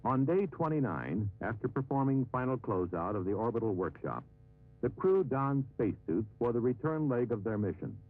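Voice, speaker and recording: A man reading scripted documentary narration in formal, measured phrases. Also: mid-range voice, sing-song. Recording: narrow-band old film soundtrack with music.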